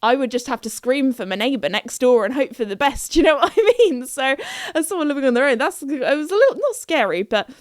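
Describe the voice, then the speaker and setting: A woman's voice: sits high, very animated, fairly quick, dry recording, studio quality. A young woman hosting her own podcast, chatting casually in a bubbly way and laughing often. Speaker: podcast host. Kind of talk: casual chat.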